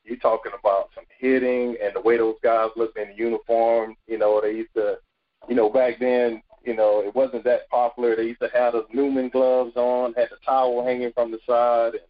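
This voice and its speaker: A man, telling animated stories as a podcast guest, often repeating words and saying "you know". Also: medium pitch, moderate pace, narrow, tinny audio. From South Carolina, USA. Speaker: guest, former football player. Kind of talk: storytelling in a podcast interview.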